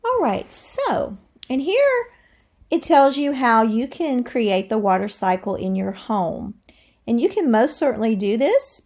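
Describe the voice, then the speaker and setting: A teacher with a slightly high voice reads a story aloud to small children, carefully and expressively. She voices her thoughts and invites the children to answer her questions.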